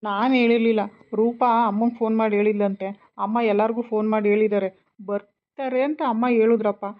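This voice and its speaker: An actress playing a teasing husband torn between two wives, with a quick, teasing way of talking. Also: female voice, fairly high pitch, little pitch movement, natural voice. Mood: calm. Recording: dull lo-fi sound.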